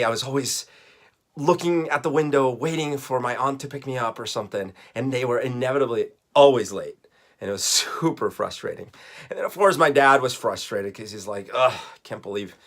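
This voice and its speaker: A man's voice: on the low side, fairly bright tone. A man in his forties from Colombia, telling a casual, rambling story to camera with self-mocking jokes and frequent laughs. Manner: chatty, self-mocking, laughs often while talking. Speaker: vlogger.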